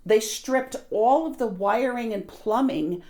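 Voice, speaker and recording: A woman's voice: fairly high pitch, slow pace, dark tone. An American woman telling stories in casual conversation, earnest and emphatic. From United States.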